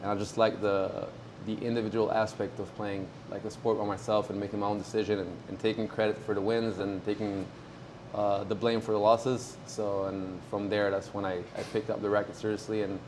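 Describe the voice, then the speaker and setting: A Moroccan pro tennis player in his twenties chats casually in an interview, sounding relaxed but halting and using many fillers. His pitch is fairly low, and there is background noise.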